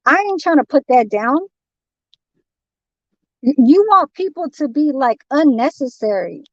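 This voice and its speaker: Her voice sits high with lively intonation and a slightly slow delivery as she rambles and swears through a confrontational livestream rant. She's from San Francisco, and the dry, dull lo-fi audio carries no room sound.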